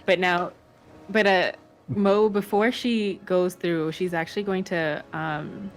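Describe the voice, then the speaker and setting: A woman describes her character's actions in a tabletop game, slow and searching for words. Her voice is a little low and keeps trailing off. Music plays clearly behind her. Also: steady tone. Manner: hesitant, many ums, trails off. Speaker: player. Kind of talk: casual chat while playing a tabletop game.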